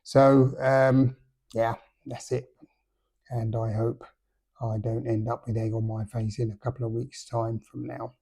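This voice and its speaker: A man's voice: mid-range voice, level tone, measured pace, dark tone, slightly rough. A middle-aged man hosting a casual solo football podcast, hesitant with many fillers and dry, understated remarks. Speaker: podcast host.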